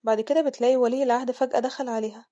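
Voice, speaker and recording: A woman with an Egyptian accent retelling a romance comic in a brisk, conversational narration. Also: a little high, fairly even intonation, dark tone. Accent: Egyptian Arabic. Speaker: story narrator. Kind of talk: manhwa recap narration.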